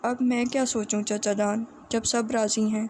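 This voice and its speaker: A quiet, dutiful young man in an audiobook, read by a woman, soft-spoken and respectful. The voice sits fairly high and stays flat. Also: slight background noise, natural voice.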